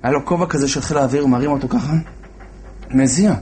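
A man telling a religious story as a sermon in an animated way, acting out the voices of the characters. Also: mid-range voice.

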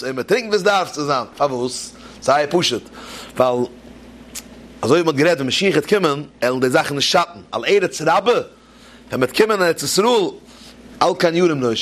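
A man's voice: a little high, fairly bright tone. A man giving a religious talk, telling jokes and asking rhetorical questions as he teaches. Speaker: preacher. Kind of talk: Yiddish-style Torah talk with jokes.

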